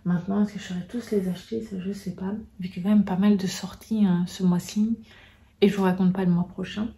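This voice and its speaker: A French woman chats casually to her vlog camera, rambling along with plenty of fillers and restarts. Her voice is soft and mellow, sitting at an ordinary middle pitch. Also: fairly even intonation, a little fast, creaky. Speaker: book vlogger.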